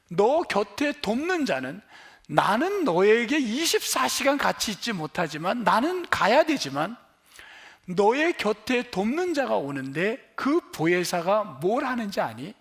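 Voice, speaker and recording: A middle-aged male pastor preaching a sermon, often asking the congregation questions and answering them himself, sometimes dropping to a low hush for emphasis. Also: husky.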